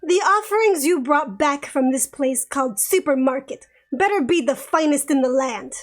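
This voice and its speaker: A woman's voice: high-pitched, lively intonation. A woman putting on a bratty nasal crow demon. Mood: haughty. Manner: speaks down, slow and lordly. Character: haughty male crow demon, bratty and condescending.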